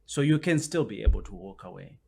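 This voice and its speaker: A man's voice: lowish voice, animated, fairly quick, vocal fry, a little mellow, slightly rough. A man, a guest on a podcast interview, explaining his points at length and often circling back with "which basically means".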